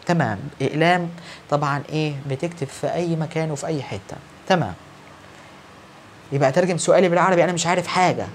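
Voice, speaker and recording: A man with an Egyptian Arabic accent teaching English grammar in a recorded online lesson, brisk and encouraging, answering students who are not there. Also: on the high side, slight background noise.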